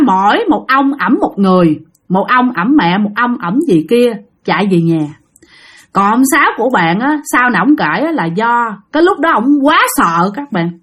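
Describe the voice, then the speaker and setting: Animated Southern Vietnamese woman storyteller. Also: on the high side. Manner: animated, addresses listeners directly. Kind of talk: casual ghost storytelling to listeners.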